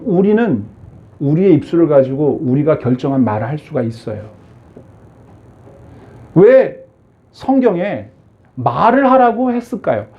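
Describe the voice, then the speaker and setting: A man's voice: high-pitched, dull audio. A male pastor preaching a sermon, asking his congregation many questions and acting out the voices he quotes.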